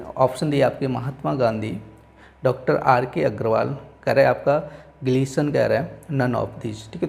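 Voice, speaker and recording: Gravelly guy teacher going over exam questions, keeps repeating answers. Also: mid-range voice, a little mellow. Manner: repeats answers with "ठीक है", reads questions slowly. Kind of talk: exam-prep lesson. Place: coaching classroom.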